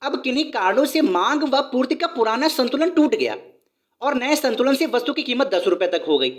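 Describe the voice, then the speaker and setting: A man's voice: very high voice, sing-song, normal speed. Man explaining in a conversational teaching tone. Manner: conversational, repeats points and asks rhetorical questions; reads from a book and then explains in his own words. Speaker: economics teacher. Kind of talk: explanatory video lesson.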